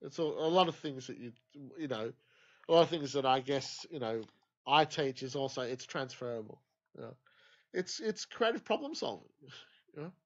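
A man's voice: mid-range voice, moderate pace. A man with a nasal voice, a guest on a podcast, talking in a rambling, casual way with lots of fillers. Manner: rambling, frequent "you know" fillers. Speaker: podcast guest, music teacher. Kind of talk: casual chat. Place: home podcast studio. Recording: dull lo-fi studio recording.

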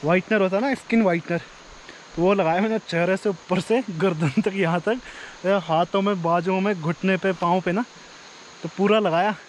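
A man's voice: sits high, fairly even intonation, normal speed, a little hiss or hum, rough recording. A man, vlogging outdoors in hill country near a river, chatty and joking as he talks straight to viewers on a handheld camera. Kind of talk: casual vlog narration.

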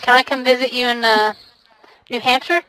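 A man's voice: extremely high pitch, fairly even intonation, normal speed, pushed and bright, a little hiss or hum, low-quality recording. A man faking a coy teenage girl. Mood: teasing. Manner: teasing, playful. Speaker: prank video host.

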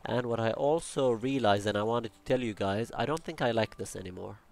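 Building in Minecraft for his channel, this young Arabic-accented host rambles chattily, tossing out jokes and talking to himself. His mid-range voice is a little fast and a little mellow, with some vocal fry.

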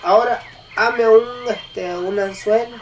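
A man's voice: high-pitched, fairly even intonation, slow, slight background noise. A man with a Mexican accent voicing a bullied young boy who complains to his grandmother. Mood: complaining.

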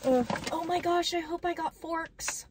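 A woman's voice: extremely high pitch, unhurried, heavy background noise. A young woman hosting a casual mukbang vlog, bubbly and chatty with lots of fillers. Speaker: vlogger.

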